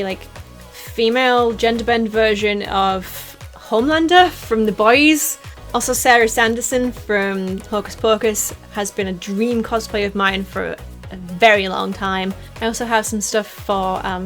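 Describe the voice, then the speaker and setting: A young woman from northeast England talks with a softened Teesside accent at a middling pitch. She chats loosely through fan questions, full of "like" and quick laughs. Soft music sits faintly behind her. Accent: softened Teesside English. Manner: chatty and rambling, heavy use of "like", frequent little laughs. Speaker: cosplayer answering fan questions. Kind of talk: casual Q&A vlog.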